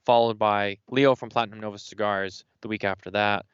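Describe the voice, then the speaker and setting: Young male podcast host, low smooth voice, dry dull lo-fi sound, chatty and opinionated. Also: a little fast, dry recording. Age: 20s. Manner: rambling, animated opinions. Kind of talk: casual podcast chat. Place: indoor smoking lounge.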